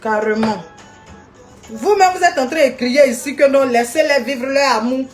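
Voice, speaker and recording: A woman's voice: high-pitched, moderate pace, faint music behind. A woman ranting indignantly on a live video stream, scolding people and greeting viewers by name.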